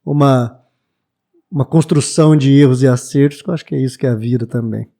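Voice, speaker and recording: This is a late-twenties bookshop owner from Brazil, talking reflectively in a casual podcast interview with some hesitant restarts. He's a fast talker with a mellow, mid-range voice and noticeable vocal fry.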